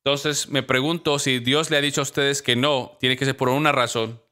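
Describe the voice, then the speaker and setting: A pastor preaching a sermon in a lively storytelling manner, acting out the voices of the people in his stories. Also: medium pitch, moderate pace, clear, resonant tone.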